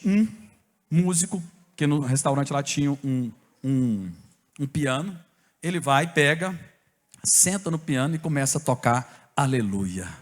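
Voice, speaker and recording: A Brazilian man preaching a sermon as a pastor, telling a story with animated bursts and shouts. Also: fairly high pitch, in a large hall. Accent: Brazilian Portuguese.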